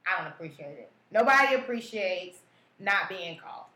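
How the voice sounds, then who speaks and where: A woman's voice: mid-range voice, animated, normal speed, bright, forceful tone, echoey room. A woman co-hosting a casual live-stream talk show, blunt and slangy, reading out viewer comments. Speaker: co-host.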